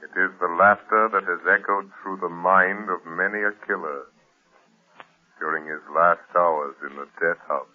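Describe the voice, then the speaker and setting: An actor playing an ominous, invisible male avenger in a 1930s radio drama, speaking in a measured, theatrical way. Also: low-pitched, fairly even intonation. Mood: ominous, knowing. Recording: tinny narrow-band 1930s radio recording.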